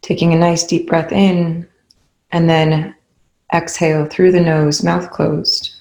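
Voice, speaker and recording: Calm and in no hurry, this meditation guide speaks with a creaky, medium-pitched voice. Soothing instructions come with long pauses between them.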